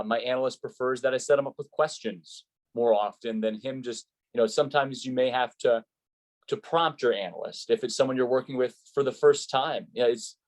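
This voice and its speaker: Interviewed about his work, a play-by-play announcer gives advice in a conversational, earnest manner, stressing the points he cares about. His ordinary mid-range voice is a little mellow, and the recording is rough.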